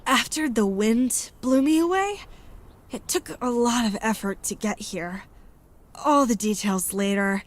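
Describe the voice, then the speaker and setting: A woman's voice: a little high, measured pace, natural voice. A woman voicing a brave young granddaughter. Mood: earnest. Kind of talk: game cutscene dialogue.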